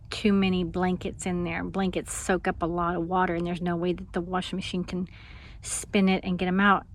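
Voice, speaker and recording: In a mid-range voice, a woman shares a rambling story while casually vlogging outside in a small town. Her telling is peppered with ums and laughs, and now and then she goes hushed.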